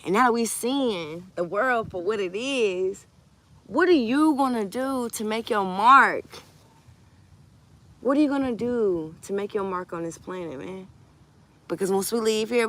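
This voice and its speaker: A woman giving a casual, animated tarot reading outdoors by the water into a phone camera, swinging between hushed and loud. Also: mid-range voice. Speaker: tarot reader. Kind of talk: casual emotional tarot vlog.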